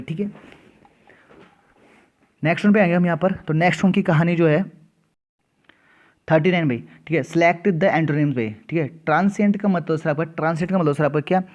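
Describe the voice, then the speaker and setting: A man with a slightly high-set voice coaches students through English exam questions, mixing Hindi and English as he goes. He keeps a steady, chatty teaching rhythm, tacking "theek hai" and "bhai" onto almost every point. When he reads out the English test sentences, he slows right down and takes them word by word. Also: dull audio. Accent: Uttarakhand Hindi. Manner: repeats "ठीक है" and "भाई" constantly, addresses students directly.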